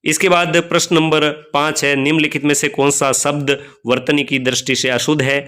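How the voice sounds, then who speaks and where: Guy teaching grammar, reads each quiz q then goes thru the options, slows down spelling letters out. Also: on the high side, flat delivery, pushed and bright, clean tone. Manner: addresses viewers as friends. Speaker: Hindi grammar lecturer. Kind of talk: spoken quiz walkthrough lesson.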